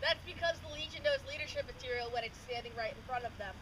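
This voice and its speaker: Woman acting a high-voiced, boastful, bumbling sergeant. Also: fast talker, close to an everyday voice. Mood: smug. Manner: cocky, blustering, hesitant when challenged. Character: boastful, bumbling, self-important soldier sergeant. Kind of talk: comic live renaissance faire stage acting. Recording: outdoor live recording, clear ambient noise.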